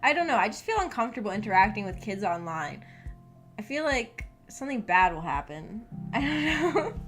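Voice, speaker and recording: Over background music, a female streamer with a slightly high, very animated voice talks at a moderate pace. She rambles casually to her viewers, sharing personal anecdotes with self-deprecating giggles and hesitation.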